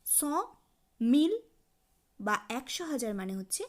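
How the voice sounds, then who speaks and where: Lady teaching french numbers, takes it really slow, repeats each one. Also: fairly high pitch, sing-song. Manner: slow, drawn-out pronunciation drills. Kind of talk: language lesson.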